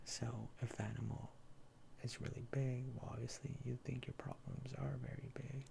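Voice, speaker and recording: A soft, mellow whispered role-play in the manner of a gentle therapist, from a speaker of unclear sex. The delivery is slow and halting, with a gravelly fry at the edges and some background noise. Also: mid-range voice, level tone.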